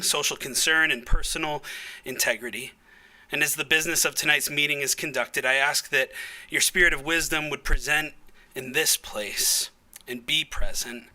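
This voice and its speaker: A man speaking as a pastor, leading a formal public prayer in measured, deliberate phrases with pauses. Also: a little high, sharp tone, poor audio. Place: public meeting room.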